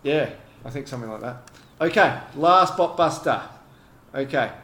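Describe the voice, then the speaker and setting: A man's voice: mid-range voice, animated, normal speed, a bit bright. A man, co-hosting a podcast in casual, jokey chat and setting quiz questions. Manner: jokey, laughs often. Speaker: podcast co-host. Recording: echoey room with faint background hum.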